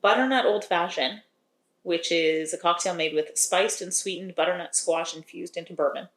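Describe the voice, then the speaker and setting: A woman co-hosts a podcast and recaps a romance novel in a chatty, wry tone, laughing often. Her voice sits a little low. The room adds a noticeable echo. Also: moderate pace, fairly bright tone. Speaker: podcast co-host recapping a book. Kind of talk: casual chat.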